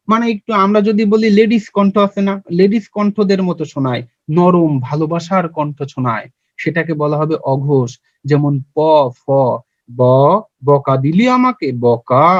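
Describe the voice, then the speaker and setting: A young man with a high voice teaches a grammar lesson online. He takes it step by step and quizzes his listeners, then answers himself. The recording is dry and dull, with a lo-fi sound. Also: no room sound. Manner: has listeners repeat sounds with him.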